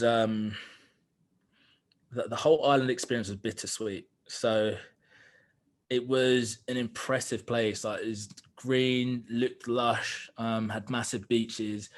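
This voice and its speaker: A young man telling a personal story as a podcast guest, candid and earnest, with frequent fillers. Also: medium pitch. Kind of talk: reflective storytelling in conversation.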